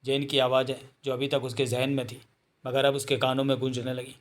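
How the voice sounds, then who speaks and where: A man narrating a comic book story aloud in an even, dramatic storytelling manner. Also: medium pitch, a little fast.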